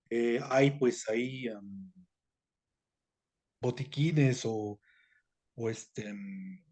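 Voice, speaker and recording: A man giving a seminar lecture, lively, often checking in with listeners and hesitating between phrases, his loudness rising and dropping. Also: mid-range voice. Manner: loudness swings between emphatic and soft. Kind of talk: explanatory lecture to a class.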